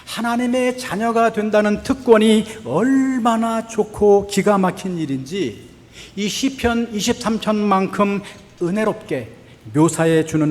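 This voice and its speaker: A male pastor delivers a sermon with a fairly high voice, earnest and questioning, now and then slipping in a bit of light humor. His voice carries a long reverb, as if filling a large church sanctuary. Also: a little mellow. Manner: earnest, asks the congregation questions.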